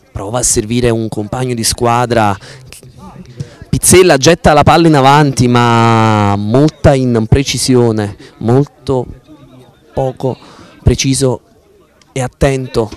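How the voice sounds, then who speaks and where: A man giving play-by-play football commentary in florid, formal sportscaster language, with excited surging goal calls. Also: mid-range voice. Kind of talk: amateur football match commentary.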